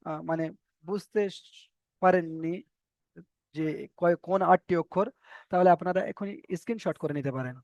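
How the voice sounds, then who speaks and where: A man teaching Arabic letter pronunciation in an online lesson, slowly repeating each letter with its vowel mark. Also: on the high side, a little mellow, no echo. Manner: slow drilling of letter sounds, repeating each pair. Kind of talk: online Quran reading lesson.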